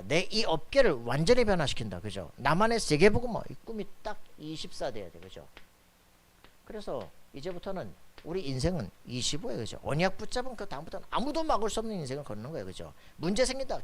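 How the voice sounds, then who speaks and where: A pastor preaching a sermon, firing questions at the congregation and pressing for their answers. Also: male voice, fairly high pitch, huge pitch swings, quick pace, a little hiss or hum. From Korea. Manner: call-and-response questions to the congregation, emphatic. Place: church sanctuary.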